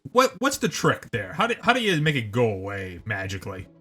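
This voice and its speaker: Brief: man voicing a cheeky flirt of an adventurer, lively up-and-down voice, bright tone. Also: medium pitch, fairly quick, husky, faint music behind, full character voice. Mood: flirty. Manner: playful, flirtatious banter.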